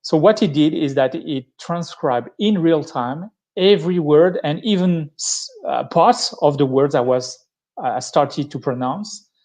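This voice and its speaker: A man with a French accent giving a live-streamed tech presentation, explaining step by step and pausing often to think. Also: a little high, darkish tone. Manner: explanatory, thinking aloud with many pauses.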